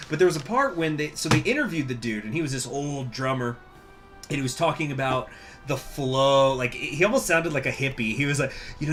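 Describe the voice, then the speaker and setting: A man's voice: on the high side, fairly bright tone, a little hiss or hum. A young man hosting a strategy game video, rambling in crude, meandering commentary and often losing his train of thought. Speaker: gaming channel host.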